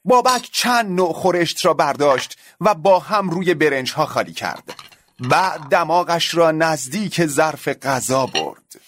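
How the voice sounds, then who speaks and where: A man narrating a story in an expressive, dramatic audiobook style. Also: fairly high pitch, no room sound.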